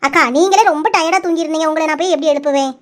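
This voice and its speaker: A woman's voice: sits high, very fast, close to an everyday voice. A woman voicing a shy, polite young village woman in a cartoon, speaking meekly with a Kanyakumari Tamil accent. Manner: meek, apologetic. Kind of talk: cartoon voice acting.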